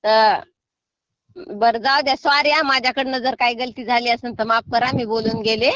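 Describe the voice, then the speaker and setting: A middle-aged woman talks from a field over the phone in a high voice that scolds and then pleads. The line is muffled and dull, and the sound is dry and close with no room around it. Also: steady tone, moderate pace, a bit bright, dry recording. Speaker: prank call target. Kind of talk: heated phone call. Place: sitting in a field.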